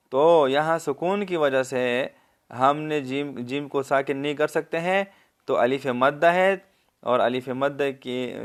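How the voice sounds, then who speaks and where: Here a medium-pitched man with a Pakistani Urdu accent gives a tajweed lesson. He lays out the rules and recites the verses slowly, his voice raised and melodic. Along the way he keeps checking that the listener understood.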